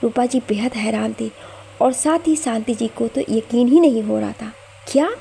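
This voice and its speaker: A woman narrating an emotional family story in a steady, expressive reading. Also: fairly high pitch, moderate pace, vocal fry, breathy edge.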